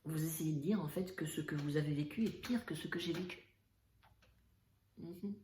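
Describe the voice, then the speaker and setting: A man's voice: fairly high pitch, normal speed, a little mellow, reverberant, slight background noise. A man who is an NLP coach, talking in a casual comic monologue, joking and self-mocking. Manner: joking, self-mocking, lots of fillers and restarts.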